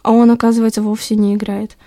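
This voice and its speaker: A woman reading a story aloud in the first person, lively and expressive. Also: a little high, fast talker.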